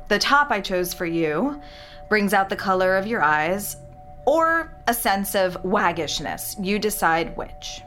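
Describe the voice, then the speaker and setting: An actress playing a formal, overly polite attendant who calmly guides someone through strange instructions. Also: female voice, on the low side. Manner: calm, formal, clinical instructions. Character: overly polite woman attendant guiding a captive.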